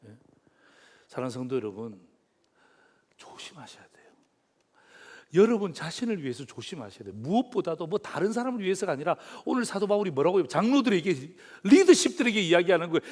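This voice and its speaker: High, lively-voiced male pastor preaching. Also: a little fast. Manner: animated storytelling with direct questions to the congregation. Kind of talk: sermon.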